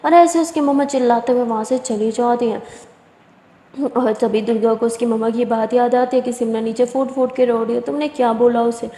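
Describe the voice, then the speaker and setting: Woman storyteller, expressive and conversational; high, mellow voice in an echoey room. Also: a little fast. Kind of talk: spoken love-story narration.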